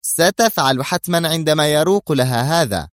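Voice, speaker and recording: A sharp, scheming female adviser, voiced by a male narrator in a storybook. She speaks curtly with little change from his own voice. The recording is dry. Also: a little high, lively intonation, fairly quick, no room sound, natural voice. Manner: sharp, curt.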